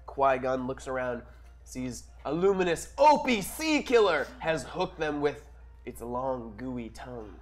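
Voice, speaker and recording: A man's voice: medium pitch, sing-song, a little slow. A man reading scripted action narration at a casual comic table read.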